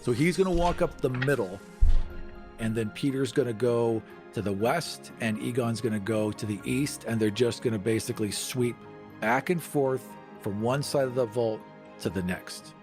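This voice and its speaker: During a tabletop roleplaying game, a man gives a casual play-by-play of his characters' actions. He speaks at normal speed in a mid-range voice, and faint music plays in the background.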